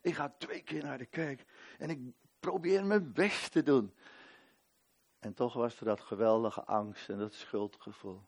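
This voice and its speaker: A man preaching a sermon in a church service. He drives each point home by saying it again. He rises to loud, ringing declarations and then drops to a hushed, prayerful tone. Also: mid-range voice, steady tone, measured pace, husky. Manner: emphatic, often repeats a phrase for weight.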